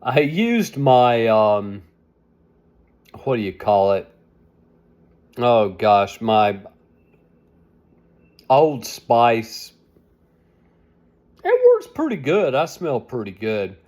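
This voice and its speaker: Older man in his seventies, slow rambling vlog talk, sleepy and tired, pitch swinging up and down. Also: wildly swooping pitch, a little mellow. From United States. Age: 70s. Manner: rambling, complaining, repeating himself. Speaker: vlogger. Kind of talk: casual vlog monologue.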